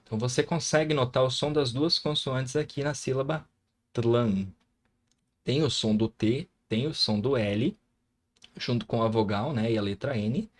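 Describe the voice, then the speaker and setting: A man's voice: mid-range voice, moderate pace. A man with a Brazilian Portuguese accent teaching a recorded grammar lesson, patiently sounding out syllables and often checking in with the viewer.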